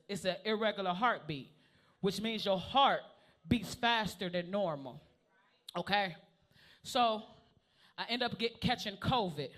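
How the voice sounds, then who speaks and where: A high-voiced man in his thirties performs a loud, profane stand-up set on a comedy club stage, calling out to the crowd constantly.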